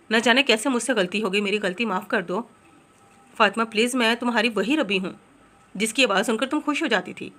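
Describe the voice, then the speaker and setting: A woman's voice: fairly high pitch, fairly bright tone, natural voice. A woman voicing a mischievous young woman who teases and pleads. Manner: teasing, then pleading.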